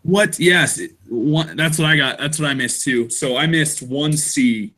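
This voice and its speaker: A man's voice: a little high, measured pace, bright, forceful tone. A man in a student study group, reading out his math answers step by step in casual chat. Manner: talks through math steps aloud.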